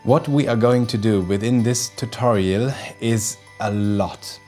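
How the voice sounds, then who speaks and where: A man in his thirties from Germany speaks English as a second language with a German accent, his voice lowish, mellow and unhurried over soft background music. He presents a casual photography tutorial to camera in an indoor studio kitchen set with festive decorations, eager and often restarting as he searches for words.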